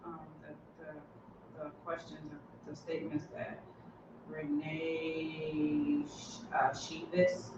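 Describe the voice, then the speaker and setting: A man passes viewer questions along to the host, speaking haltingly with pauses between words. His voice is somewhat high and sounds distant from the mic. The audio is roomy and muffled, with clear background noise. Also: monotone.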